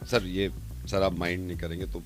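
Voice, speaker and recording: A man's voice: low voice, level tone, fairly quick, faint music behind. Soothing, apologetic man on a prank call. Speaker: radio host doing prank calls.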